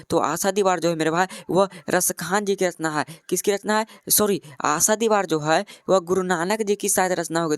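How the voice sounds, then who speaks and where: A man's voice: sits high, smooth, no echo, clean studio sound. A man teaching as an exam coaching tutor, repeating each question, then its answer, and calling the listener "my brother".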